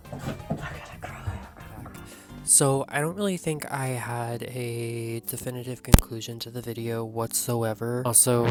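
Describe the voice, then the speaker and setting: A young woman vlogging casually, hoarse and coughing, rambling excitedly and swearing freely. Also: a bass voice. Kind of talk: casual vlog talk. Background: background music.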